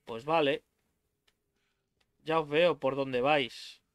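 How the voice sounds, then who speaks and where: A man's voice: fairly high pitch, fairly even intonation, extremely slow, clean tone, no echo. A young man with a Spain Spanish accent doing let's play commentary on a horror game, swearing freely and yelping in fright. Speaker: gaming YouTuber.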